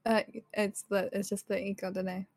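A woman's voice: mid-range voice, level tone, moderate pace, darkish tone, no room sound. Giggly woman streamer, dry close sound. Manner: giggly, trails off and restarts. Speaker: streamer guest. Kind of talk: casual live-stream chat. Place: home streaming desk with cats around.

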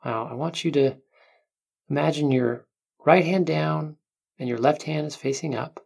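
A meditation guide speaking gently and unhurriedly, with long pauses between soothing instructions. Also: medium pitch, vocal fry. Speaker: meditation guide, podcast host.

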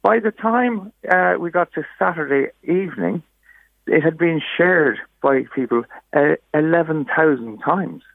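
An Irish man in his sixties, on the radio as a guest, tells a casual anecdote in a chatty, folksy manner. His voice is a little high, a little slow, and creaky. He is heard over a narrow-band phone call with no room sound.

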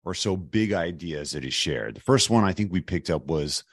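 A man co-hosting a podcast discussion in a conversational style, his voice hoarse, raspy and nearly gone. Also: low-pitched, lively intonation, normal speed, no echo, clean studio sound. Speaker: podcast co-host. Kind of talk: conversational discussion of financial advising.

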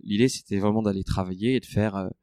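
A man in a relaxed interview, talking through his running training with many fillers and restarts. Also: fairly low pitch, fast, dry recording, studio quality. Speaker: ultra-trail runner guest. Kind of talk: conversational interview.

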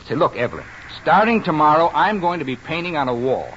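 An actor playing a bitter, moody painter husband in a 1940s radio drama, brusque and swinging from eager to curt. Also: male voice, on the high side, very animated, fast, fairly bright tone. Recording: dull old radio broadcast, faint hiss.

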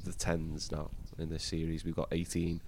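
Croaky, very deep-voiced hungover British man. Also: monotone, moderate pace, a little mellow, slight background noise. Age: middle-aged. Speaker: podcast co-host. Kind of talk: casual chat.

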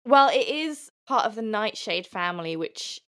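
A woman talking casually on a podcast, giggling as she explains what she has read. Her pitch sits in an ordinary middle range, and she stumbles and restarts now and then. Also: lively intonation, normal speed, fairly bright tone. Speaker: podcast co-host presenting research.

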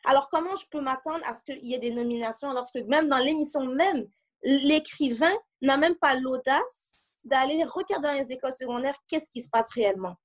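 Brief: young Quebec woman, higher voice, lively and questioning in a casual panel chat. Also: a little fast. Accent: Quebec French. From Montreal, Quebec. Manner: animated, questioning, restarts mid-thought. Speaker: panel discussant. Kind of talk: casual discussion.

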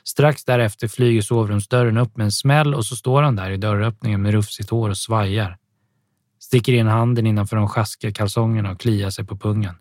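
A man narrating a story calmly and evenly, with soft music behind him. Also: fairly low pitch, no room sound, studio quality. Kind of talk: scripted audiobook narration.

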